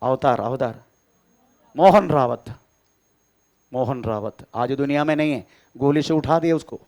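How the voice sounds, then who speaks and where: A male pastor preaching a sermon, dropping to low murmurs and rising to high shouted declarations, often saying "praise the Lord". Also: unhurried.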